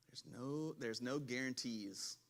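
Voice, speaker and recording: A man leading a relaxed Bible discussion as pastor, chatty, laughing and breaking off mid-sentence. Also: mid-range voice, creaky. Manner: chatty, self-interrupting, laughs often. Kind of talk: conversational Bible study talk.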